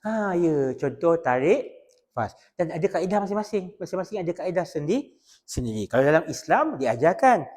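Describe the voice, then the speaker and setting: A man's voice: fairly high pitch, normal speed. A man with a Malaysian Malay accent giving a customer service training class. He jokes a lot and acts out short scenes in other voices. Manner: animated, joking, switches into acted customer voices. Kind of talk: classroom lecture with acted examples.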